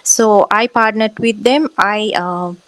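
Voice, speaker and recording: A woman, a pageant guest on a podcast, speaking earnestly and haltingly with frequent fillers. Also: mid-range voice, a bit bright, no echo. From Sri Lanka. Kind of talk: podcast interview.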